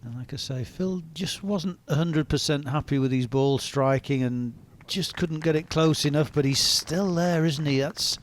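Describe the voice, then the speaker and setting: A man's voice: a little high, moderate pace, few pauses, slight background noise. A man working as a golf commentator, giving live reactions to the shots as they are played.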